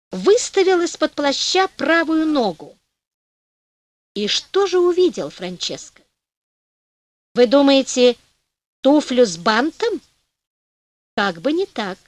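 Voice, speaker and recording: Woman storyteller, high and very animated, dry close sound, playful fairy-tale reading. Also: takes it slowly, long pauses, no room sound.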